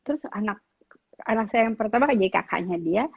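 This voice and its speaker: A woman's voice: mid-range voice, quick pace, vocal fry, slightly rough, lo-fi sound. A middle-aged woman giving casual advice to teenagers, telling stories and acting out what family members say. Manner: animated storytelling, acts out quoted family members. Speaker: guest speaker on parenting.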